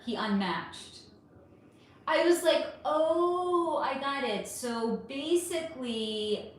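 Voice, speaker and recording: Animated woman in a very echoey room. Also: fairly high pitch. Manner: animated, expressive, blunt and swearing. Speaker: spiritual reader and livestream host. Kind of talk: casual livestream storytelling. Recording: very echoey room, faint noise.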